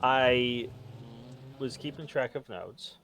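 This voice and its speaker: A man's voice: medium pitch, slow, fairly bright tone, slight background noise. A man co-hosting a podcast in casual chat, rambling as he reads his notes aloud. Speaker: podcast co-host.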